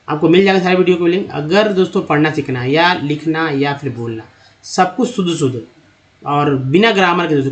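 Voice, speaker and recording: A man teaching English reading and phonics, slowly sounding out words and vowels and repeating them for viewers. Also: fairly high pitch. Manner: slow, drawn-out spelling and sounding of words. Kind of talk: Hindi-language phonics lesson.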